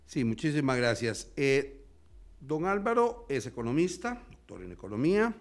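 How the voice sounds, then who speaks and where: A man with a Costa Rican accent hosting a radio interview, speaking deliberately with frequent hesitations. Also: mid-range voice, sing-song. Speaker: radio show host.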